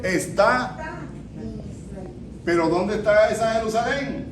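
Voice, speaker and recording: A man's voice: on the high side, animated, measured pace, a crowd in the background. A male pastor preaching in a church vigil, asking his listeners questions and repeating their answers. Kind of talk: interactive sermon with congregation reading. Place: church during an evening vigil. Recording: echoey church, distant mic, background noise.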